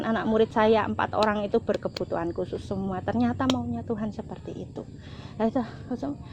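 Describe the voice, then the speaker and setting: A middle-aged woman, telling a heartfelt personal story as an interview guest, often repeating herself and swinging between bright and hushed. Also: on the high side, slight background noise. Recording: slightly dull lo-fi sound.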